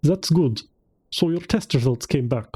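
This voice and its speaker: Russian-accented doctor on the phone, brisk and formal, mellow tone, man reading. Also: a little high, expressive, husky. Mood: businesslike. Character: middle-aged male Russian doctor, businesslike.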